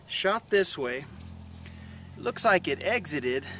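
A man in his forties talks to the camera in an easygoing, plain-spoken vlog style, his voice sitting a little high for a man. The camera mic is close, with a faint wash of background noise behind him. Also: very animated, slow pace, sharp tone. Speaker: channel host. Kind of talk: casual vlog. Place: outdoors in a yard, later an indoor workshop.

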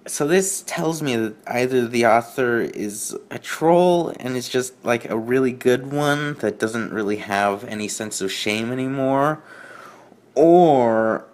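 A man with a medium-pitched voice hosts a fan fiction reading, offering casual, mocking commentary. He halts and repeats himself in a sardonic way.

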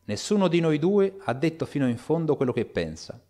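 A man voicing a cautious, dutiful middle-aged male lawyer in a spoken audiobook, with a measured and reasoning delivery. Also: fairly high pitch, sing-song, warm tone, voice pushed up. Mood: resolute.

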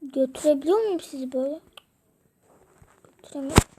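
High-voiced playful woman gamer. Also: a little fast, heavy background noise. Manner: playful, chatty, talks to viewers and game characters. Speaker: gaming video creator. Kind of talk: casual game commentary.

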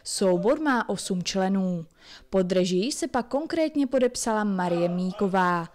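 A woman's voice: medium pitch, expressive. A woman reporter reading scripted narration for a regional television news report.

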